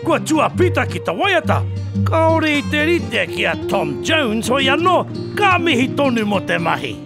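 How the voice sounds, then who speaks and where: A man's voice: very high voice, big pitch swings, moderate pace, creaky. A man giving scripted narration as a show's voice-over. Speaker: show narrator. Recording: voice-over over loud music. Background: music.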